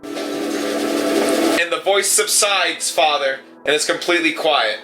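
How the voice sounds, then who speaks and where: A man's voice: a little high, slow, loud music behind the voice, low-quality recording. A man narrating a tabletop horror game as game master, with many fillers as he describes scenes.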